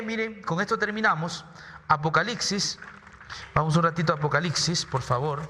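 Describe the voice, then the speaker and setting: A man's voice: high-pitched, sharp tone, in a large hall, slight background noise. A man preaching a sermon in church, emphatic, often repeating words and asking rhetorical questions. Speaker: pastor. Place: church hall.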